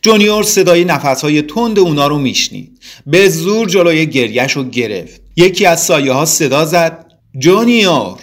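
A man reading a children's story aloud in an expressive way with dramatic pauses. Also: fairly high pitch.

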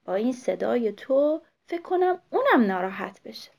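A woman voicing a patient mother owl in a children's story, coaxing and gently scolding. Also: on the high side, sing-song, creaky, muffled recording, full character voice.

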